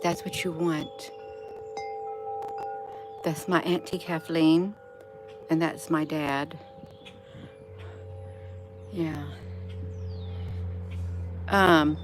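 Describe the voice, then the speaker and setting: Low-voiced woman chatting on a porch livestream. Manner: repeats phrases for emphasis. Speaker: live stream host. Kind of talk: casual live stream chat to viewers. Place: outdoors on a porch. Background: wind chimes and birdsong.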